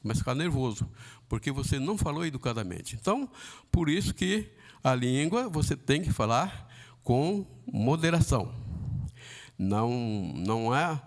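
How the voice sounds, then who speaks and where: A man with a Brazilian Portuguese accent teaching a church Bible lesson, talking haltingly with many fillers and tag questions, and acting out the voices he quotes. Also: mid-range voice, big pitch swings. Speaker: Sunday school teacher.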